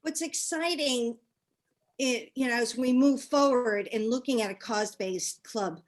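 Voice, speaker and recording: A woman's voice: a little high, unhurried. A woman serving as district governor, speaking earnestly on a video call.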